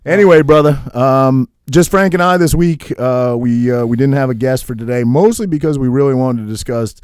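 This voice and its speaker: A man's voice: medium pitch, brisk, darkish tone, clear, resonant tone, dry recording, studio quality. A man in his thirties co-hosting a podcast, telling stories in a casual, profane way and laughing at himself. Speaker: podcast co-host.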